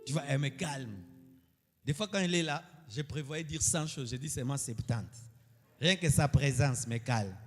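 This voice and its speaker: A male pastor preaching a sermon, moving between loud, high outbursts and quiet asides. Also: expressive, moderate pace, music in the background. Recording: long hall reverb.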